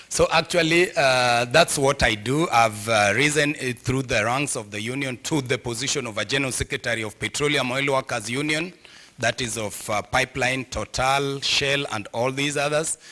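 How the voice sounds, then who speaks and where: A middle-aged Kenyan man with a bright, forceful voice at an average male pitch. He gives an informal talk in a conversational, joking way, switching between two languages. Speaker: trainer and industrial relations consultant. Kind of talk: informal public talk mixing English and Swahili.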